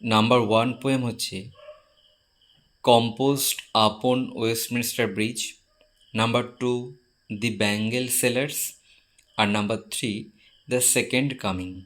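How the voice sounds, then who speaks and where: A man teaching a class as a Bengali speaker, explaining step by step and slowing down to spell out English terms. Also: medium pitch, steady tone, a bit bright. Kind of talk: classroom lecture.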